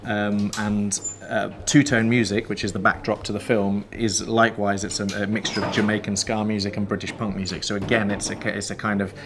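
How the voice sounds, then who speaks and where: Low-voiced man explaining his film. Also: flat delivery, noisy background. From South Wales. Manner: measured, explanatory, pauses with fillers. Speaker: film writer and director. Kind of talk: festival interview.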